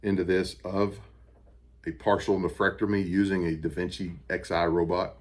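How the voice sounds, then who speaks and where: An American man giving a casual personal video update, talking in a plain, unhurried and somewhat halting way. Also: deep voice, flat delivery. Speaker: vlogger recovering from surgery. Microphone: camera on a stand with ring light.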